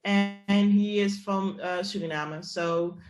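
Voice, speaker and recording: Telling animated stories through laughter, a company co-founder from the Netherlands guests on a relaxed interview. She speaks slowly in a mid-range voice, with faint music behind her and a roomy echo in the sound.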